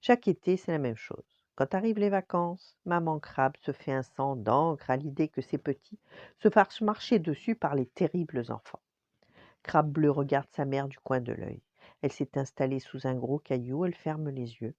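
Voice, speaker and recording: An older woman reading a bedtime story in a lively, expressive way. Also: low voice, moderate pace, no room sound, dull audio. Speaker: storyteller grandmother.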